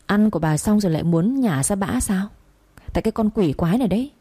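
A woman's voice: lowish voice, expressive, brisk, warm tone, husky, no echo. Woman doing a furious scheming second wife.

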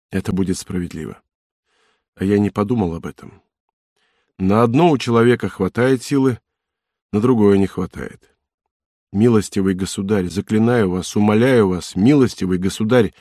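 A man reading an audiobook, voicing an aging former convict and anguished father who speaks low, subdued and imploring. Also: warm tone, no echo, clean studio sound, close to an everyday voice.

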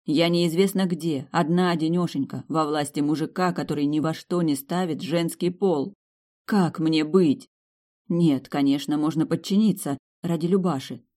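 A woman reading a first-person fantasy novel aloud, in a sharp, sardonic storytelling manner. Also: low-pitched, moderate pace. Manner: sharp, sardonic storytelling with lively acted asides. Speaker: audiobook narrator. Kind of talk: first-person audiobook narration.

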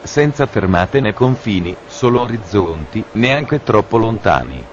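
A man making deadpan, formal mock train announcements, as if heard over a train station PA system. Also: fairly low pitch, unhurried, dull audio, slight background noise.

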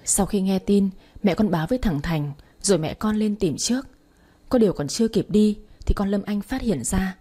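Female storyteller, husky and dark-toned, reading with steady emotional pauses. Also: mid-range voice. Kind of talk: first-person story narration.

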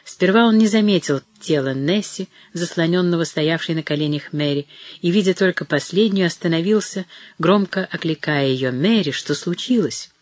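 A reader narrating a dramatic novel in a measured, storytelling manner. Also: medium pitch, no room sound. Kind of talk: audiobook narration.

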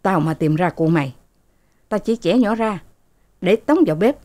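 A woman's voice: lowish voice, moderate pace, warm tone, close to an everyday voice. Woman reading as a haughty scolding mistress. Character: bossy, harsh rich mistress, middle-aged woman.

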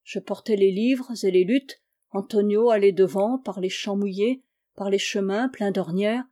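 Mellow-voiced woman reading a tale aloud. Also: mid-range voice, unhurried. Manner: expressive, dramatic storytelling. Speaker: audiobook reader. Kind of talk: literary audiobook narration.

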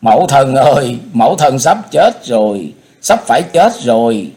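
A man's voice: mid-range voice, moderate pace, darkish tone, pitched above the performer's own voice, natural voice. A man voicing a frightened little girl in an audiobook story, pleading through tears. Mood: crying. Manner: crying, pleading.

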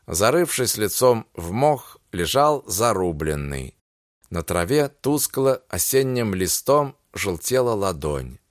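A man reads a literary audiobook, telling the story in a measured, unhurried way. His voice sits at a medium pitch, and the studio-quality recording has no echo.

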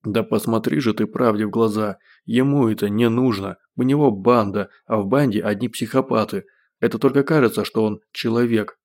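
A man reading an audiobook, voicing a brutal, volatile man who speaks in a gruff, forceful way. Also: fairly low pitch, moderate pace. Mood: angry.

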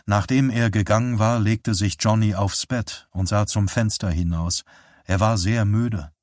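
A man narrating an audiobook in a calm, even reading voice. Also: fairly low pitch, measured pace, no room sound, clean studio sound. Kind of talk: scripted narration.

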